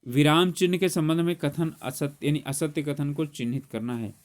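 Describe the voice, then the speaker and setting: A man's voice: fairly high pitch, moderate pace. A man teaching grammar, solving an exam paper aloud step by step and correcting himself as he goes. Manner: explains step by step, corrects himself mid-sentence.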